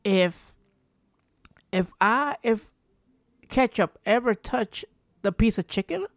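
A woman's voice: fairly high pitch, lively intonation, takes it slowly, no echo. Rambling young woman podcaster, dry sound. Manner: rambling, with frequent restarts and filler words. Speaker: podcast host. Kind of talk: casual storytelling monologue.

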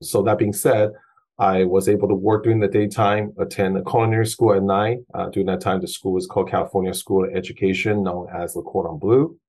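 He is a guest chef in his forties, originally from Taiwan, being interviewed casually. His voice sits low, mellow and level, and he talks briskly yet hesitantly, with many fillers and restarts.

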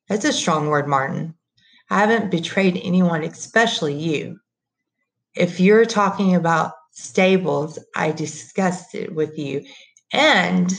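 Woman voicing a firm middle-aged father, proud, restrained, low, unhurried. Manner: firm, controlled.

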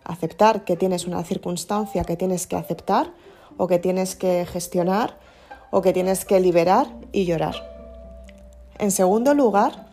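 A woman with a mellow, warm voice hosts a self-help podcast. She talks calmly and with encouragement, straight to her listener. Soft music plays faintly underneath. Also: fairly low pitch, measured pace. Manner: calm, encouraging, speaks directly to the listener. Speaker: podcast host.

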